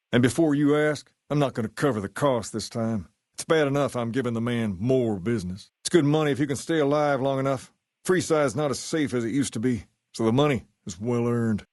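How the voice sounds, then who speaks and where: A male actor voices a charismatic gang boss styled on a rock-and-roll idol. He has a Southern US drawl at a middling pitch and talks in a folksy, measured, self-assured way. It is game dialogue with a dry, close sound. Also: darkish tone, no room sound, lightly acted. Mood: wry, businesslike. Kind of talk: video game character dialogue.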